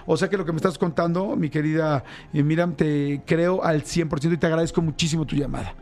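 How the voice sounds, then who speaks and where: A Mexican man hosting a radio show talks quickly with a slightly high voice, animated as he acts out noises and voices. He tells his story casually. Faint music sits behind him. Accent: Mexican Spanish. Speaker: radio host. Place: radio studio.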